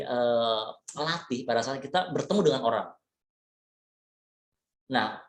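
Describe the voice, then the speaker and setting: A man giving a relaxed, chatty leadership lecture, full of fillers and tag words, mixing in English terms. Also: mid-range voice. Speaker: leadership trainer. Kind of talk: casual webinar lecture. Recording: echoey room.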